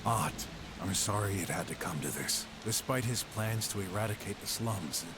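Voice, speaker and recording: An actor playing an earnest, brooding crocodile detective in a video game. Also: male voice, lowish voice, moderate pace, very noisy, close to an everyday voice. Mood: sombre.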